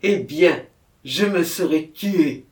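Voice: mid-range voice, slow, recorded from a distance, natural voice. A reader voicing a terrified man who has confessed to murder and begs to be taken to prison, in a storybook reading with a roomy echo. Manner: loud, pleading and panicked.

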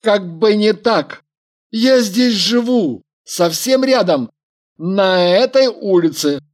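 A woman voicing a stubborn, touchy man in a slow, deliberate, sulky way. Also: medium pitch, animated, a little mellow, pitched above the performer's own voice.

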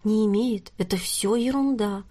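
A woman reading the lines of a smooth-talking, manipulative young male star in an audiobook, in a soft coaxing manner. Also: medium pitch, moderate pace, lightly acted. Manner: coaxing, murmuring.

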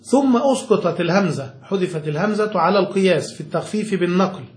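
A man with a high voice teaches grammar to a student, restating every point in simpler words and checking that it landed. The room is echoey. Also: animated, fast. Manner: patient, repeats and rephrases each point, checks understanding. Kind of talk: explaining a grammar text to a student.

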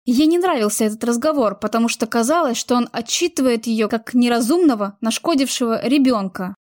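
A woman narrating a romance novel as an audiobook, in a steady, expressive storytelling manner. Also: on the high side, brisk, no room sound, clean studio sound.

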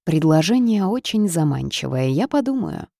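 A woman's voice: low-pitched, sing-song, moderate pace, gravelly, mellow, no echo, clean studio sound, full character voice. A woman voicing a secretive, gluttonous male forest creature with a wry, teasing manner.

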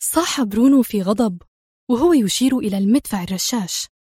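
A woman's voice: on the high side, brisk, husky, no echo. Female narrator, dramatic audiobook read, dry close recording. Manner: expressive, vivid storytelling.

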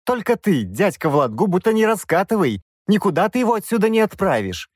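A headstrong young princess, as a male narrator puts her on, her commanding voice lifted high and swinging freely. She barks demands and cuts others off in a dry, close studio sound. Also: sing-song, fairly quick, no room sound. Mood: imperious. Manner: demanding, sharp retorts.

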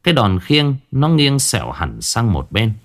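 A man's voice: medium pitch, wildly swooping pitch, unhurried. A man narrating a ghost story dramatically.

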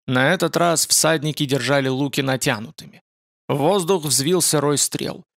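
Guy reading a fantasy book out loud, slightly high gravelly voice. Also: dry recording, studio quality. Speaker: audiobook narrator. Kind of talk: scripted narration of a fantasy novel.

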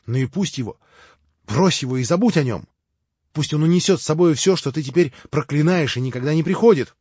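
A gentle, compassionate young man, as a male reader puts him on, earnest and imploring in his pleas. The sound is muffled and lo-fi, dry and close to the mic. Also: medium pitch, expressive, slow pace, husky, no echo. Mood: pleading. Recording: dull lo-fi audiobook recording.

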